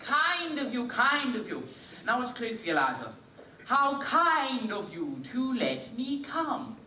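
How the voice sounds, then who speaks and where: An actor playing a bossy, lively phonetics professor. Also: male voice, very high-pitched, normal speed, a little hiss or hum, exaggerated voice. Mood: exasperated. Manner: lecturing, exasperated, repeats corrections. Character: impatient male phonetics professor, brisk and bossy. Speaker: student actor. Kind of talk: stage musical performance. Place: school theatre stage. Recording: echoey hall from far off.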